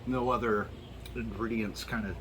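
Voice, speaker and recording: Low-voiced man, mouth burning from spicy food. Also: steady tone, normal speed. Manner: candid, sweary. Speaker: vlogger answering viewer questions while tasting hot sauces. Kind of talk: casual solo chat to viewers. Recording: clearly noisy background.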